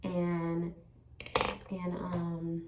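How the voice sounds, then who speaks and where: Her voice is lowish and monotone, with drawn-out words over a noisy background. This vlogger talks loosely to her audience while applying makeup, addressing them as "you guys" and filling her rambling with "like" and "you know," recorded off-mic in an echoey room.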